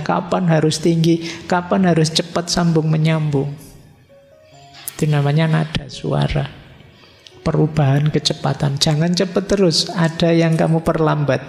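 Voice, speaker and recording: Gravelly lecturer in a hall. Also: male voice, fairly high pitch, a little mellow. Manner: casual, teasing, mixes in Javanese words. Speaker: philosophy lecturer. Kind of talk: live lecture. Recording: lecture hall with long reverb, faint music.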